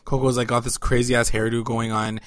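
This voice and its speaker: A man's voice: mid-range voice, little pitch movement, no echo. A man casually recapping a TV episode with a co-host, loose and chatty with lots of "like". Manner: laid-back, heavy use of "like", quick laughs.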